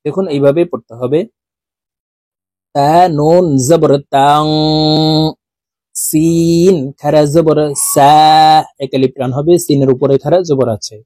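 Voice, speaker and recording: A man teaching Quran reading, spelling out syllables slowly and adding quicker, quieter explanations. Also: on the high side, steady tone, dry recording. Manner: drawn-out spelling drills, quicker quieter asides. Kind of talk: slow recited lesson with explanations.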